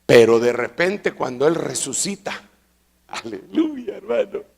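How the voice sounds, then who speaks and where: A man preaching a sermon at a church convention, arguing with rhetorical questions and repetition, and building up to drawn-out shouts. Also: medium pitch, sing-song, creaky, husky. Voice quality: rises to loud, drawn-out shouting for emphasis. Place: large church convention hall. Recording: long reverb of a large hall.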